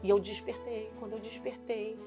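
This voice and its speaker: A woman's voice: fairly high pitch, level tone, normal speed, over music. Earnest Brazilian woman pastor testifying. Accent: Brazilian Portuguese. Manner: earnest, rising to fervent intensity when recounting prayer. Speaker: pastor and singer, guest. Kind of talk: emotional faith testimony in an interview.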